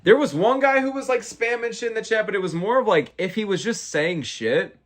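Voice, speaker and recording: A man's voice: high-pitched, lively intonation, fairly quick, fairly bright tone. A young man talking like a slangy, profane frat bro as he hosts a casual fight watch-along and answers chat. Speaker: livestream host.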